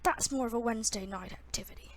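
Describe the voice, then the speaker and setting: A woman's voice: a little high, fast talker, a little hiss or hum, close to an everyday voice. A woman putting on a sly old Irish grandpa. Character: teasing older Irish grandfather.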